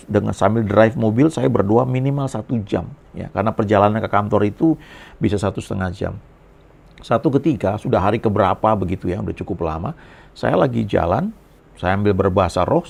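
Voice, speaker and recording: Gravelly-voiced man preaching conversationally. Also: lowish voice, a little mellow. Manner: conversational storytelling, frequent "ya" tags. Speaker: pastor. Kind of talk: sermon testimony.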